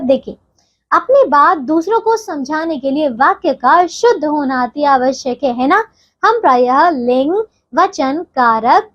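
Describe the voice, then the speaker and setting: A woman teaching a grammar lesson to young children, patient and explaining step by step, often checking that they follow. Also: high-pitched.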